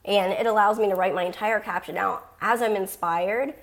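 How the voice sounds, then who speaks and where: A woman's voice: medium pitch, steady tone, normal speed. A woman talking casually to her viewers, giving social media tips in a chatty, rambling way full of ums and likes. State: losing her voice.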